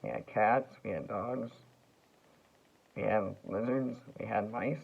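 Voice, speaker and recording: A man rambling through a slow, halting vlog monologue full of fillers and restarts. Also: on the low side, vocal fry, slightly rough. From United States. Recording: tinny phone-like sound.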